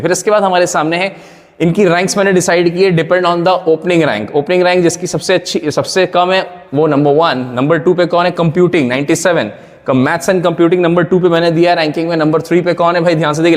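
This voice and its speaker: Hindi-English coaching teacher, reverberant room. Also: male voice, on the high side. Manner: repeated check-ins to the audience; mixes English words into Hindi. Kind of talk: explaining admissions data to students.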